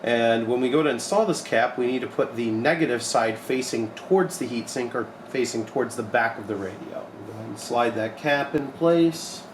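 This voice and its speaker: A young man with a mid-range voice, a repair technician, walks through a modification in a hands-on, casual way, explaining every step plainly as if at his bench. He talks at a normal pace with hardly any pauses, and the small, cluttered indoor electronics workshop echoes, with noise audible behind him.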